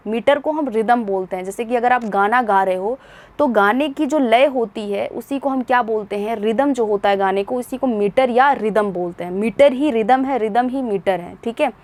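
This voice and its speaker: A young Indian woman teaching an exam-prep English lesson, explaining step by step and checking in with her students. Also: fairly high pitch. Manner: explanatory, repeats points and checks with "theek hai?"; reads English sentences slowly and deliberately.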